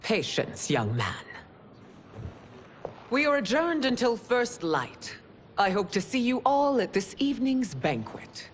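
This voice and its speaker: A woman's voice: fairly high pitch, very animated, slow, a little hiss or hum. A woman voicing an imperious empress who speaks with regal condescension. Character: regal imperious female ruler, cold. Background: game score.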